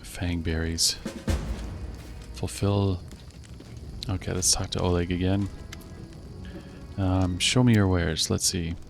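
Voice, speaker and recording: Deep, gravelly gamer reading menus aloud. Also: male voice, steady tone, slow, pauses often, music in the background. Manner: reads game text aloud, thinks out loud with fillers. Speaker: let's play host. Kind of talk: casual video game commentary.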